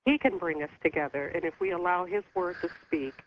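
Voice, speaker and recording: A woman calling in to a radio talk show over the phone, speaking earnestly with a concerned, halting manner. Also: lowish voice. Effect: heard over the phone. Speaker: caller. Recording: muffled phone line with faint hiss.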